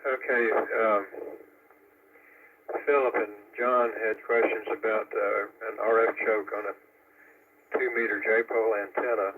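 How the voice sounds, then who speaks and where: A man running an amateur radio net over a two-way radio, relaying announcements and a history talk in a halting way, with many pauses and fillers. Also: fairly low pitch, level tone. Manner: halting delivery with frequent "uh" fillers. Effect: heard over a two-way radio with static. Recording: tinny, distant radio transmission with static.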